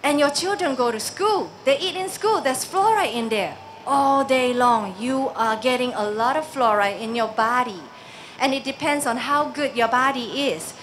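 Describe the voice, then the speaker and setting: A woman's voice: sits high, moderate pace, fairly bright tone, a little hiss or hum. A woman in her forties with a Singaporean English accent gives an impassioned public speech from an outdoor stage into a stand microphone, building to emphatic rhetorical questions. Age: 40s. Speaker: protest speaker.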